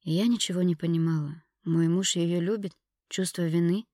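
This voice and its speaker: A woman narrating an audiobook in the first person, in a measured, intimate storytelling manner. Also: fairly low pitch, fairly even intonation, mellow, no room sound, clean studio sound.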